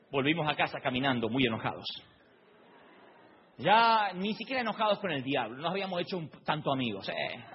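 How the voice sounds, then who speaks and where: Pastor man, husky voice, funny animated sermon, muffled recording. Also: fairly high pitch, moderate pace, pauses often. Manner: animated, comic, bursts into loud exclaims. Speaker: preacher. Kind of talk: humorous sermon storytelling. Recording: muffled audio with long hall reverb.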